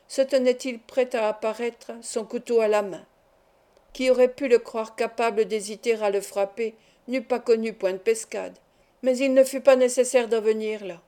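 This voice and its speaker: Mellow-voiced woman reading an adventure novel. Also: fairly high pitch, fairly even intonation, normal speed. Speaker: audiobook reader. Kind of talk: scripted narration.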